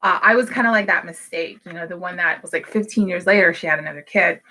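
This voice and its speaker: A thirtysomething woman from Hawaii, USA, coaches on business in a relaxed, motivating talk to camera. She speaks fast in a lowish voice that is bright and forceful, staying open and personal and dropping in lots of fillers.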